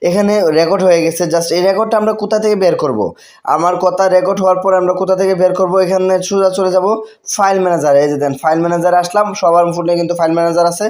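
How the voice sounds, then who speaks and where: In a rapid-fire, high voice that's a little mellow and barely moves in pitch, a man with a Bangladeshi accent hosts an informal screen-recording tech tutorial. Phrases get repeated, and English words are mixed in throughout.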